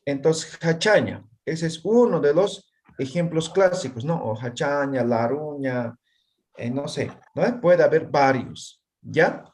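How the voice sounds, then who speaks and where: A man teaches an online language class, quizzing students and constantly checking understanding with tag questions. His voice is fairly high with lively intonation and a darkish tone, and he speaks slowly.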